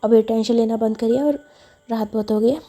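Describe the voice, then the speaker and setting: A woman's voice: on the high side, steady tone, fairly quick, mellow, faint music behind, lightly acted. Woman voicing a teasing young woman. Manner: teasing and coy.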